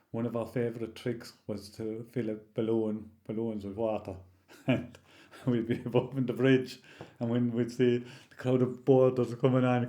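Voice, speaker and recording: A man in his sixties with a rural County Limerick Irish accent, telling anecdotes in a halting, rambling, casual way. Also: mid-range voice, mellow. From County Limerick, Ireland. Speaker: interview guest, local storyteller. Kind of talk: oral history reminiscence, casual storytelling.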